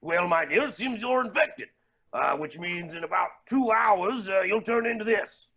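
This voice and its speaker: A man's voice: high-pitched, animated, normal speed, creaky, sharp tone, full character voice. A man playing a scheming, gleeful villainous billionaire with theatrical, posh exclamations in a tabletop game. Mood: gloating.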